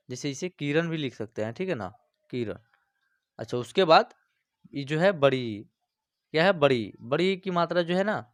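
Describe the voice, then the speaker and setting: A male teacher walks through a lesson step by step. He keeps asking whether his listeners follow. His voice sits a little high, and the recording is dry and close. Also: clear, resonant tone, no room sound. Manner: explains step by step, often checks understanding. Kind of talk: online class lesson.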